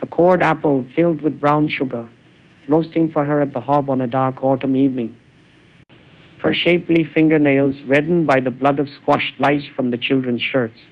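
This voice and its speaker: A cloned synthetic man's voice reading literary prose in a measured, brooding way, heard through a narrow phone-like band. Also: medium pitch, fairly even intonation.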